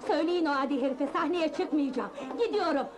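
A very shrill, haughty diva, played by a woman, shrieking her refusals. Clear music runs under her on an old film soundtrack. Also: fairly quick, lightly acted. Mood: outraged. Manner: shrieking, indignant. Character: haughty temperamental woman singer. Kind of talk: 1970s film acting.

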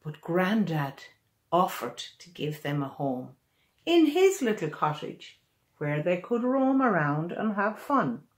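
An older woman in her sixties, the author of the picture book, reads it aloud for children with a voice that leans low. The recording is from a small home room, and her storytelling is animated, expressive, and deliberate.

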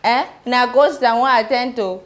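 A woman's voice: a little high, normal speed, slight background noise, lightly acted. An actress playing a sassy young woman who works in a shop, teasing in Nigerian Pidgin. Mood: bantering. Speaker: shop worker. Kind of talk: Nollywood film acting.

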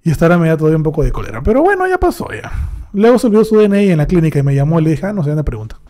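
A man's voice: on the high side, very fast. A young man, a dentist co-hosting a podcast, telling a story in casual chat and acting out the dialogue. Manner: animated anecdote telling, acts out dialogue.

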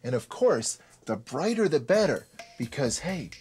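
Lively male cooking show host. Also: on the high side, a little slow, soft background music. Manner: upbeat, lively, instructive, with playful asides. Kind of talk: scripted cooking show presenting. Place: home kitchen and supermarket.

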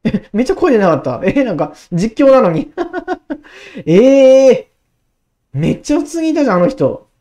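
With a voice on the high side, a twenty-something woman who makes gaming videos narrates her play casually. She's excitable, muttering to herself and firing off repeated words in quick bursts.

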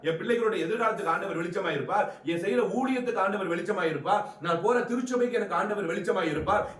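A man's voice: sits high, a bit bright, reverberant, recorded from a distance. A man preaching a fervent sermon, building rhythmic repeated phrases and calling on his listeners to answer.

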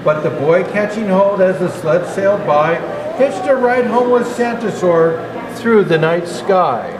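Dressed as Santa Claus, an older man with a high-pitched voice reads a children's storybook aloud, unhurried, in an indoor natural history museum hall. The hall is echoey, and crowd noise makes the background clearly noisy.

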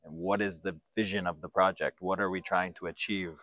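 Low-voiced man in an outdoor interview. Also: steady tone, bright, forceful tone, no room sound. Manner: measured, reflective, speaks in considered restarts. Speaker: professional footballer interviewee. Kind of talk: sit-down interview. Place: outdoors by sports courts. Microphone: handheld branded mic.

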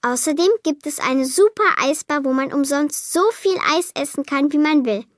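A woman reading a children's Christmas story aloud, lively and lightly voicing the girl and her parents. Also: high-pitched, normal speed, dry recording, studio quality. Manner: lively, voices the child, mother and father lightly.

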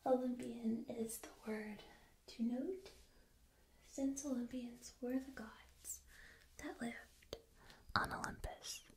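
A woman softly whispering an ASMR analysis in a slow, deliberate way, ear to ear into a binaural microphone. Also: fairly high pitch, vocal fry.

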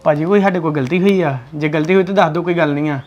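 Brief: quick-talking man, earnest and pleading, fairly high voice. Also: lo-fi sound, background noise. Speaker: brother. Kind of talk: family short-film acting.

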